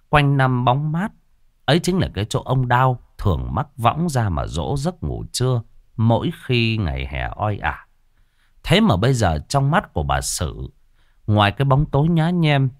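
A man's voice: on the low side, no echo, clean studio sound. A man narrating a horror tale in a vivid, dramatic storytelling style.

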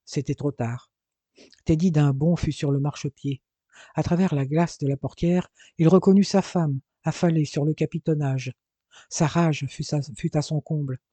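A man reading an adventure novel aloud as an audiobook narrator, with a lively, dramatic delivery. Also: fairly high pitch, moderate pace, no echo.

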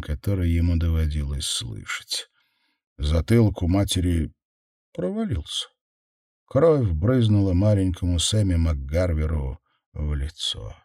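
Deep-voiced man narrating an audiobook. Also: a little mellow, no room sound. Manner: measured, intense, with slowed stresses. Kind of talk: dramatic horror audiobook narration. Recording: dry close studio sound.

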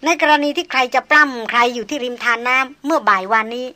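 A woman's voice: high-pitched, quick pace, bright, forceful tone, no room sound, pitched above the performer's own voice. A woman reading an audiobook who voices a proud, jealous young noblewoman with sarcastic, clipped retorts.

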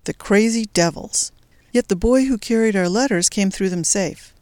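A reader voicing a young male Belgian resistance fighter, brisk and determined, in an audiobook story. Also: mid-range voice, darkish tone, no echo, close to an everyday voice. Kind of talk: audiobook character voice.

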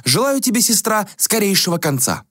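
A vain, flippant young prince, as a man puts him on in a storybook reading, drawling his scorn in a high, lilting voice. He sounds affected and mocking, swooping up and down. Dry, close sound. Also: sing-song, a little fast, a bit bright, no room sound, exaggerated voice.

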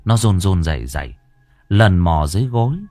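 A man's voice: sits low, animated, normal speed, darkish tone, dry recording, faint music behind. A man narrating a ghost story in a dramatic, ominous manner.

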